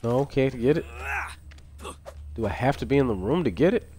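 A man streaming a video game live, reacting out loud with swearing and excited outbursts while he talks to himself and his chat. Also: mid-range voice, normal speed, slight background noise. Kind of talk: live gameplay commentary.

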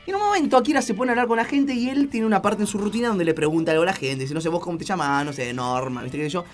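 A man's voice: high-pitched, very fast, soft background music. An Argentine man telling a funny story in a casual radio chat, laughing often. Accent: Argentine Spanish.

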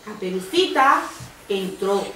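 A woman from Andalusia narrating a fairy tale in an expressive sing-song way to small children. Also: mid-range voice, slow. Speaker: storyteller mother. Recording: echoey school hall from far off, noisy.

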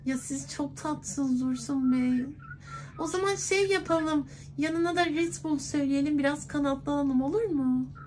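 Man doing a high-pitched coy woman's voice. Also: a little slow, a little mellow, a little hiss or hum. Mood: flirty, sweet. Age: 20s. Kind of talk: prank phone call. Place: clothing shop, indoors.

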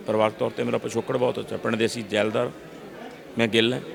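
Gravelly-voiced man telling stories. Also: mid-range voice, fast, crowd noise. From Punjab, India. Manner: lively storyteller, acts out voices, frequent restarts. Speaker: actor interviewee. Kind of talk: animated casual interview talk.

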